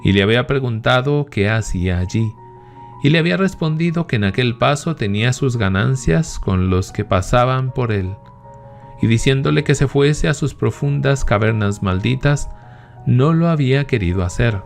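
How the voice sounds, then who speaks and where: Male narrator, solemn and measured, over a quiet music bed. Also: medium pitch, lively intonation, creaky. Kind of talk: scripted narration of saints' testimonies. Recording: faint music bed behind voice.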